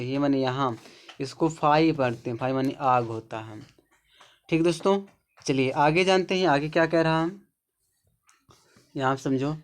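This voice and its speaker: A man with a Hindi accent teaching English pronunciation, explaining slowly and repeating words, often checking in with the viewer. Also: fairly high pitch, clear, resonant tone.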